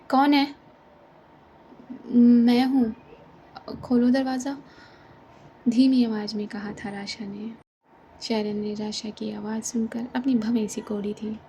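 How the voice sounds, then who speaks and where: A woman narrating a love story softly, in a near-whispered, breathy voice. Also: medium pitch, slight background noise.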